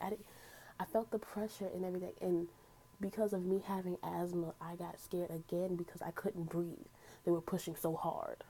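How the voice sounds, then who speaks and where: A woman's voice: lowish voice, dark tone, a little hiss or hum, low-quality recording. A young woman telling a personal story in a casual storytime vlog, speaking in a candid, earnest way. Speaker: vlogger.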